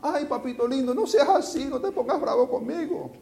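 A doting mother played by a male preacher coos in a high, sugary voice far above his own. The baby talk is soft and coaxing, and it drifts a little back from the microphone. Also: lively intonation, brisk, gravelly, reverberant, full character voice. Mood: cooing. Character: doting, cooing mother spoiling her child. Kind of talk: sermon illustration.

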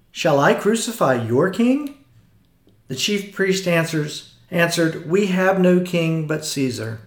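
A man reading scripture aloud in a steady voice, now and then stumbling over a word. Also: on the high side. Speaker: scripture reader. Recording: echoey room.

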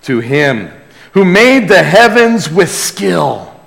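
A man with a high, creaky, somewhat bright voice preaches slowly and very animatedly, reading scripture with emphasis and reverence. It's an amplified live sermon to a congregation, recorded in a large, reverberant church hall.

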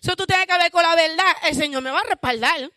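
A woman's voice: extremely high pitch, fast, dry recording, clean studio sound. A woman giving a fervent church testimony, calling out hallelujahs. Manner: self-described loud shouter.

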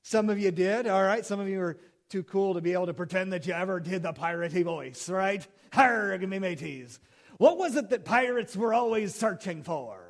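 Male pastor, middle-aged, high-pitched, chatty sermon, quizzes the congregation. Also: brisk. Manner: conversational, jokey, asks the congregation questions. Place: church sanctuary.

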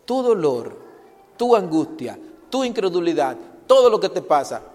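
High-voiced man preaching in a reverberant hall. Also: sing-song, moderate pace. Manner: emphatic, rhetorical questions, swings from loud to hushed. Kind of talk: sermon. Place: church hall. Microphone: handheld microphone.

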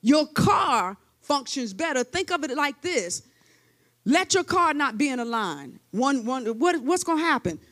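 A woman with a high-pitched, somewhat bright voice and big pitch swings preaches unhurriedly to a church congregation. She leads them in call-and-response chants and makes her points demonstratively with hands-on examples.

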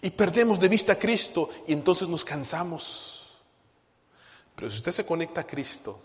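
A pastor preaching to his congregation in a fairly high voice, swinging from quiet asides to loud bursts. He acts out short quoted voices as he goes. The sound rings with a long reverb of a church hall. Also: expressive, moderate pace. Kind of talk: sermon.

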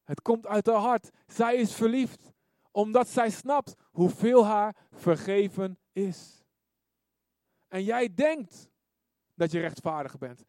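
Male preacher, high voice, dry close sound, lively, punctuates with amen. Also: no echo. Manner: lively, often asks "ja toch?" and calls "amen". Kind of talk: sermon.

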